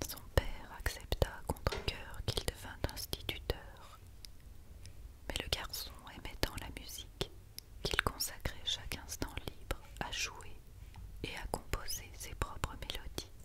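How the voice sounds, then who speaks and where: A woman reads a Christmas story as ASMR in a breathy, unvoiced whisper, hushed and quiet as if at night. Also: a little slow. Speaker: ASMR reader.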